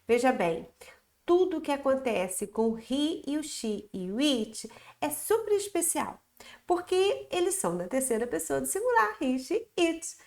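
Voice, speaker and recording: A woman with a Brazilian Portuguese accent teaching an English grammar lesson on video. She explains patiently, moves between Portuguese and English, and drills example sentences slowly and clearly. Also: high voice, sing-song.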